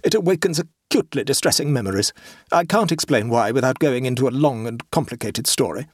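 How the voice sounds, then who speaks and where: A man doing a cool, deadpan teller of tall tales. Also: mid-range voice, fairly quick, husky, dry recording, studio quality. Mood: desperate. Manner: cool, deadpan, with dramatic emphasis. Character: dry, evasive man telling a tall tale.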